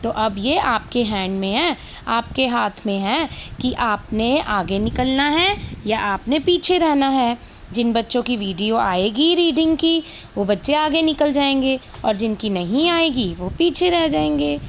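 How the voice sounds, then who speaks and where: A young woman teacher gives an online lesson to small children, reading words aloud slowly and clearly for them to repeat. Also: on the high side, lively intonation, a little hiss or hum, rough recording. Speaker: primary school teacher.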